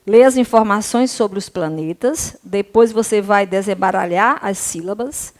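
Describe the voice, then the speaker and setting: A woman's voice: mid-range voice, a little slow. Patient Brazilian woman teaching grammar. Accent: Brazilian Portuguese. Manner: patient, asks rhetorical check questions constantly. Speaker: primary school teacher. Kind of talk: recorded remote grammar lesson.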